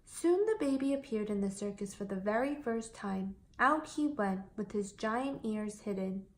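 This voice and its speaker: Reading from a children's picture book, a woman tells the story expressively in a mid-range voice at an ordinary pace.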